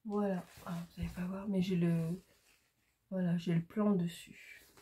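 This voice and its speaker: A woman's voice: fairly low pitch, flat delivery, unhurried, warm tone. A woman hosting a craft video, chatting casually with many fillers as she shows her supplies. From France. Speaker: craft channel host. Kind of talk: casual chat showing crafts.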